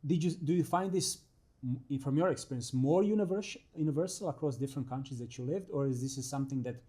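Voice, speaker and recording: Animated man from Croatia co-hosting. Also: mid-range voice, fast talker. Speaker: podcast co-host. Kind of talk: conversational interview.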